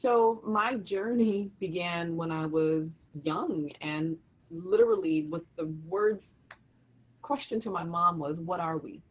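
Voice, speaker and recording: A co-host and author tells her family research story during a casual livestream, restarting often. Her low, husky voice moves slowly, and the video call audio sounds tinny and phone-like.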